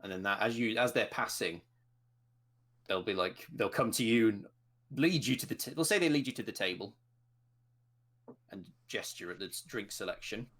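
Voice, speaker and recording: A man runs a tabletop game as game master, his voice sitting on the low side. He narrates scenes and stops to rephrase often. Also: moderate pace, long pauses, a bit bright. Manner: describes scenes and voices characters with frequent restarts.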